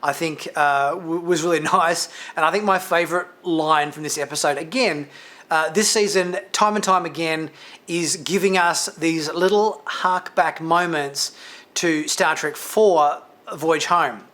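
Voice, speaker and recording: A man's voice: a little high, unhurried, fairly bright tone. A man hosting a TV review channel, giving a casual, rambling spoken episode review with many fillers, restarts and light laughs.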